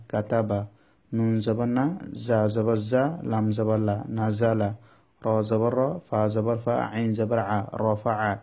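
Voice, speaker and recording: A man teaching Quran reading, spelling each word letter by letter and then saying it whole in a slow, repetitive drill. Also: lowish voice, dark tone. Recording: dull lo-fi sound.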